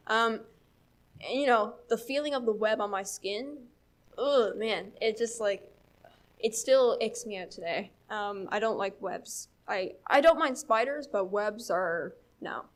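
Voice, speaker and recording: Speaking at a medium pitch without hurrying, a young woman with a Newfoundland accent shares a casual story at church. She's chatty, laughing often and using lots of fillers.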